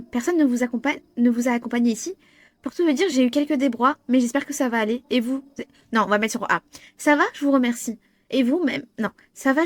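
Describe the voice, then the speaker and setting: Young woman streamer voicing a visual novel; excitable, cursing, slightly high, dry close sound. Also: no room sound. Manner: excitable, swears, restarts lines. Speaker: gamer. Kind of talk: playing a visual novel aloud.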